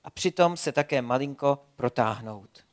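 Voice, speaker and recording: Expressive storyteller reading a kids' animal adventure; lively and playful. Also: medium pitch.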